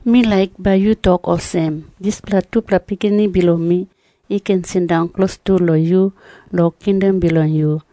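A woman's voice: lowish voice, fairly even intonation, normal speed, mellow, no echo, natural voice. A woman with a Papua New Guinean accent playing a pleading mother in a scripted Bible drama. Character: pleading mother of two disciples.

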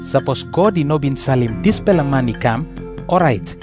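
A man's voice: mid-range voice, expressive, normal speed, lightly acted. A man with a Papua New Guinean accent acting a stubborn, plain-spoken healed blind beggar in a scripture drama. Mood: defiant. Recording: prominent music behind the voice.

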